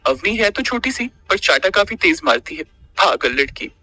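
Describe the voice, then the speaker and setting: A man's voice: sits high, big pitch swings, moderate pace, sharp tone, full character voice. A man doing a playful, nervous young man. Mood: amused.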